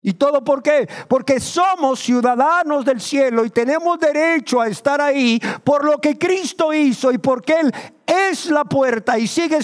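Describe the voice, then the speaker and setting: A man born in Nicaragua preaching a sermon, asking his listeners questions and slowing down to stress the words of scripture. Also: extremely high pitch. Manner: asks the congregation rhetorical questions. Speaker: pastor.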